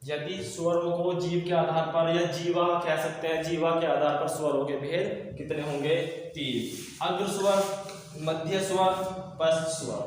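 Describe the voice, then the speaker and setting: A man teaching a grammar class, explaining slowly and repeating each point for students to copy down. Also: fairly high pitch, steady tone, slight background noise. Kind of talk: classroom lecture. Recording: echoey room from far off.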